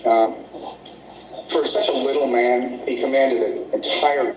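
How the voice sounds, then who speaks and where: A man's voice: medium pitch, fairly even intonation, a little slow, a little hiss or hum. A man giving a graduation speech, telling stories in a loose, conversational way with many fillers. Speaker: graduation speaker. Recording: echoey hall from far off.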